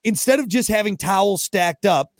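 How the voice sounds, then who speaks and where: This podcast co-host's voice sits high and moves at an ordinary pace, with no room sound in the studio recording. He's an animated storyteller, ranting and spinning tales through relaxed back-and-forth.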